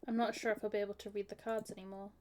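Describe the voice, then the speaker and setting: A woman's voice: medium pitch, little pitch movement, very fast, background noise, lightly acted. Fortuna, a woman reading a doubtful young witch. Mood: troubled. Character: anxious young female witch tarot reader. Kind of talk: reading game dialogue aloud.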